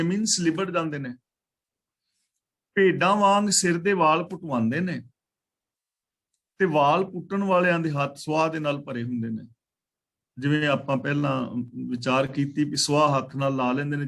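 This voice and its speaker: A man with a fairly high voice leads a religious scripture lesson over an online class call. He recites each verse slowly and deliberately. Then he walks through its words one by one, correcting how they should be pronounced. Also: fairly bright tone. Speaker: Sikh scripture teacher.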